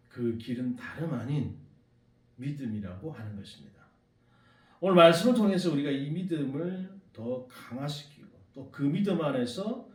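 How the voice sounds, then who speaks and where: Pastor guy preaching, lively up-and-down voice, kinda high, sounds far off in a roomy church. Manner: animated preaching, acts out quoted voices. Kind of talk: sermon. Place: church sanctuary.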